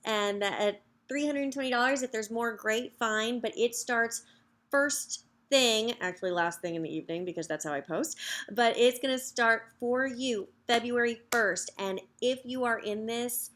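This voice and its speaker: A woman in her thirties, a social media coach, making an upbeat, chatty pitch straight to camera with frequent fillers. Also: moderate pace, a bit bright. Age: 30s. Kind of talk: direct-to-camera sales pitch.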